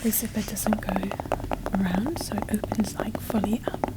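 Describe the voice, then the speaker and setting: A woman softly whispering casual, unhurried ASMR chat close to the microphone while tapping on objects with her fingers. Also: mid-range voice, fairly even intonation. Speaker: ASMR video host. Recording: clicking, tapping noise over the whisper. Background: loud finger tapping and clicks.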